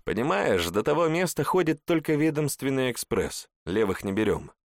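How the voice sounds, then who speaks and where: A man's voice: mid-range voice, big pitch swings, normal speed, no room sound, studio quality, pitched above the performer's own voice. A man voicing an easygoing, persuasive friend in an audiobook. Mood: coaxing.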